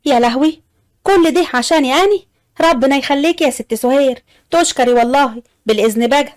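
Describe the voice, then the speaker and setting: A woman's voice: high voice, a little fast, no echo, clean studio sound, lightly acted. A woman voicing a discreet, deferential housemaid with an Upper Egyptian accent who speaks evasively. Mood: wary. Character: humble loyal maid, wary and discreet.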